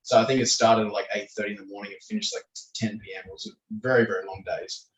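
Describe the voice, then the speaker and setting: An Australian man appears as a podcast guest, giving casual interview answers that ramble and hesitate, packed with fillers and restarts. His low-leaning voice is croaky, he keeps clearing his throat, and he talks fast. He sits some distance from the mic in an echoey room.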